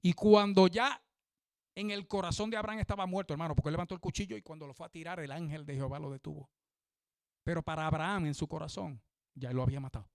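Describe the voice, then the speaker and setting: A man's voice: fairly high pitch, steady tone, quick pace, dry recording. A male pastor preaching a fervent sermon, often calling out to his listeners as brother.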